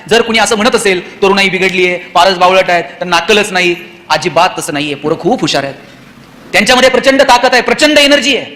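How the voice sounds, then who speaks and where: A man's voice: high voice, bright, forceful tone. A man giving a motivational speech to a hall of students, throwing rhetorical questions at the audience. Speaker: motivational speaker.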